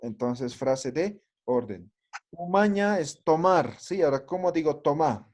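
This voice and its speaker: Lively intonation and a measured pace mark this man's fairly high, darkish voice. He leads a language lesson in class, patiently explaining and repeatedly using tag questions to make sure students are keeping up.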